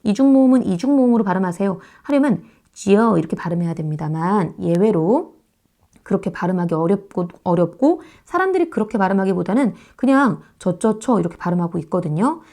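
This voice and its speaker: Female lecturer, mellow tone, patient, demonstrates sounds aloud, talks straight to students. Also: on the low side, expressive. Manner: explains slowly, repeats sounds to demonstrate pronunciation; addresses students directly, checks understanding. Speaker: Korean grammar teacher. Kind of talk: online lecture.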